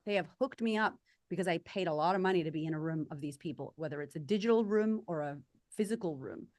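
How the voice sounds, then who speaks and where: A woman with an Australian accent and a slightly low voice, recorded close and dry. She talks casually and candidly as a guest, with emphatic, informal phrasing. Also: fast talker, a little mellow, no room sound. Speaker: podcast guest. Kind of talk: casual conversational interview answers.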